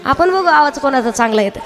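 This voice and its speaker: A woman preaching a devotional kirtan with a Marathi accent, singing lines and then leading the crowd in call-and-response with joking commands. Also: high voice. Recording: live event with loud music and crowd. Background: loud harmonium, drums and crowd.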